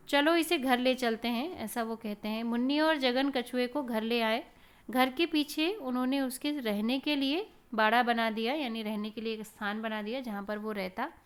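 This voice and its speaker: A woman's voice: fairly high pitch, smooth. A woman telling a children's story in a teacherly way, stopping to explain words and to point to the pictures.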